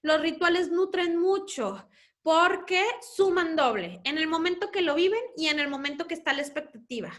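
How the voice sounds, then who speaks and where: This is a woman with a Mexican accent and a high voice giving a talk to parents on family life. She speaks as a mother herself, explaining her points and acting out what children say at home. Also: lively intonation, normal speed, a bit bright. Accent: Mexican Spanish. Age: adult parent.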